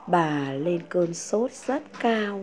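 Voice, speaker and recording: Slow, expressive woman storyteller. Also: fairly low pitch, noisy background. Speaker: teacher telling a story. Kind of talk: children's storytelling.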